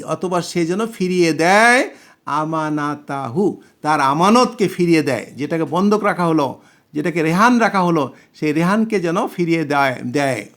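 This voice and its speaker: A man with a Bangladeshi Bengali accent teaching a class, slowly drawing out Arabic words and patiently checking that students follow. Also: high voice, a bit bright. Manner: slow, drawn-out recitation of Arabic words; patient explaining with checking questions. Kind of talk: Quran grammar class lesson.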